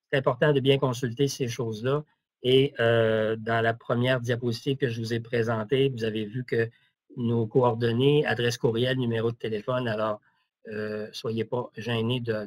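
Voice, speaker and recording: A man takes questions in a webinar over a video call. His pitch is ordinary, and he often stops to restart his sentences. He speaks in a plain, helpful way. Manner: hesitant, with repeated restarts and fillers. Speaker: presenter of advisory services. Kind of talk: webinar presentation and Q&A.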